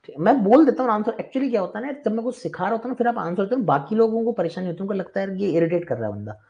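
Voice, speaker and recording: A man's voice: high voice, lively intonation, very fast, vocal fry, darkish tone, lo-fi sound. A man teaching a live online maths class, chatty and reassuring but firm with students who interrupt.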